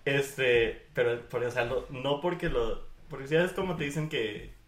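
A man's voice: medium pitch, moderate pace. A man chatting casually on a podcast, rambling through hesitant explanations and laughing often. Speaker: podcast co-host. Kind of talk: casual chat. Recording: echoey room.

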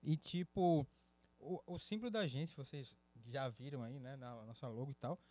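A man co-hosting a podcast, telling a story in lively casual chat. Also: medium pitch, moderate pace. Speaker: podcast co-host.

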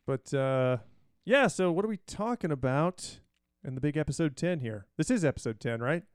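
A man co-hosting a podcast in casual chat, relaxed and rambling with lots of fillers. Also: fairly high pitch, moderate pace, clean tone, no room sound, studio quality. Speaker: podcast co-host.

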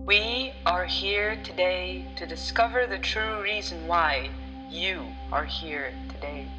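A woman's voice: fairly low pitch, slow, music in the background. A woman playing a playful explorer guide, giving encouraging instructions in scripted narration. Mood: earnest, encouraging. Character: playful explorer guide setting a self-discovery task.

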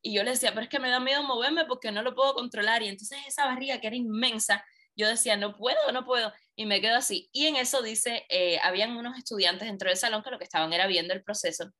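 With a slightly high voice and a quick pace, a woman guest relates a personal story during an interview. She animatedly voices the quoted exchanges.

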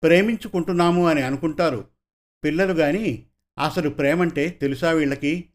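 A man narrating a short story in a measured, gentle reading voice. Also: fairly high pitch. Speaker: story reader. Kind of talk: scripted narration.

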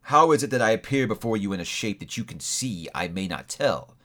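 A man's voice: on the low side, expressive, sharp tone. A man voicing a mournful old ghost in chains. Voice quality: slow, heavy, mournful delivery. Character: doomed old male ghost, solemn and grieving.

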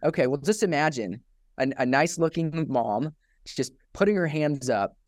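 Animated young man telling a story. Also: fairly high pitch, normal speed, no echo, clean studio sound. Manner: animated storyteller who acts out quotes, laughs often. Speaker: podcast host. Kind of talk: casual storytelling.

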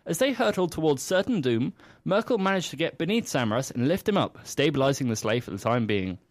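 A man's voice: a little high, big pitch swings, a little fast, no room sound. A man telling a comic story with playful, teasing asides.

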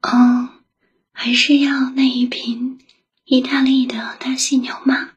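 A woman whispering softly as an attentive young secretary who looks after her boss in an ASMR roleplay. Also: high-pitched, little pitch movement, takes it slowly, slightly rough, lo-fi sound, exaggerated voice. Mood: caring. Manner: soft whispering, gentle and solicitous.

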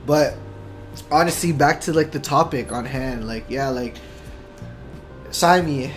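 A woman's voice: very deep voice, a little slow, soft background music. A woman co-hosting a casual podcast chat, rambling and filling her talk with "like". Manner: rambling, heavy use of "like", swearing. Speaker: podcast co-host.

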